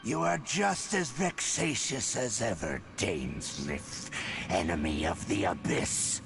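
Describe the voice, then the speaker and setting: Menacing demon herald, overacted anime villain, extremely low, pompous, very slow, game dialogue with music behind. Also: male voice, vocal fry, heavily acted. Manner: pompous, archaic, drawn-out delivery. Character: menacing male demonic herald, haughty and theatrical.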